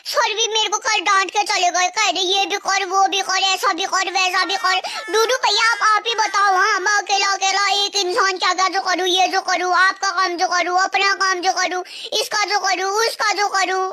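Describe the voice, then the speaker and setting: A woman's voice: very high voice, sharp tone, a little hiss or hum. A woman voicing a lonely young male office worker in a comedic dub, pleading and repeating herself. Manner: pleading, repetitive whining.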